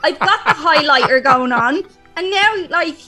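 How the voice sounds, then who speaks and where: A woman chatting casually as a guest, talking quickly and laughing often. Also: high-pitched, expressive, bright, forceful tone, soft background music. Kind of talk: casual chat.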